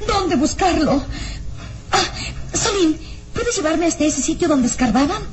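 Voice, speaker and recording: A very high, fretful young lady's voice from a radio drama. She questions and sighs theatrically, quick to take alarm. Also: animated. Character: worried, doubting young lady, easily alarmed. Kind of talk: radionovela acting.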